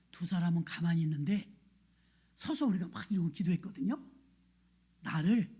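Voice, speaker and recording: A woman pastor giving a sermon, telling a personal story and acting out scenes and her own thoughts. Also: on the high side. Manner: animated, acts out scenes and quoted thoughts. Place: church sanctuary.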